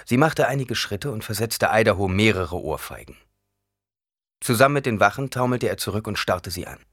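A male audiobook narrator with a husky, low voice and lively, shifting intonation. The reading is expressive, and the sound is close and dry. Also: moderate pace, no room sound. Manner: expressive storytelling. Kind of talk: scripted narration.

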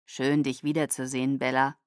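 A woman puts on a young male vampire guard who is smug and quietly menacing. The voice sinks lower than her own and drips with mockery. The sound is close and dry. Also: fairly even intonation, measured pace, dry recording. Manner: low, smug and mocking. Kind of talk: audiobook reading.

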